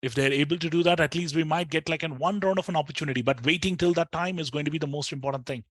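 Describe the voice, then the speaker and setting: Indian man giving live market commentary, higher-pitched voice. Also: racing, dry recording. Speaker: live trading streamer.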